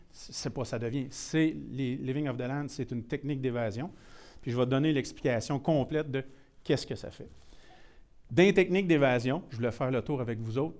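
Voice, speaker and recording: A man's voice: mid-range voice, darkish tone. Québécois man giving a casual tech talk. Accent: Québécois French. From Quebec. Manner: casual, self-deprecating, many restarts and English words. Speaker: presenter. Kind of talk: technical workshop talk.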